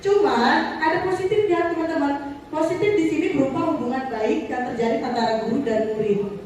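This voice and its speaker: A woman's voice: high voice, a little fast, warm tone. A woman teacher giving a casual workshop presentation to colleagues in a chatty way, often acting out phrases a teacher might say. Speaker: teacher leading a staff workshop. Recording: echoey room, distant mic, faint noise.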